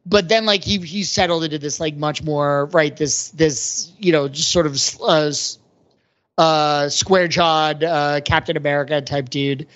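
A podcast host with a fairly high, fairly bright voice talks a little slowly and with fairly even intonation in a casual movie discussion. His delivery is loose and meandering as he works out his thoughts aloud, and the audio sounds somewhat dull.

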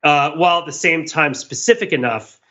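This podcast co-host and commentator talks a little fast in a slightly high, bright, forceful voice, and the recording sounds muffled. He explains his thinking in a casual, rambling, enthusiastic analytical discussion.

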